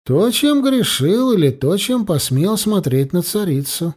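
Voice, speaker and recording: A man's voice: sits high, very animated, measured pace, a little mellow, voice pushed up, heavily acted. A man playing a cold, stern priest. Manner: stern, cold, self-righteous. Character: stern, cold-hearted male priest and torturer. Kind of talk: audiobook character voice.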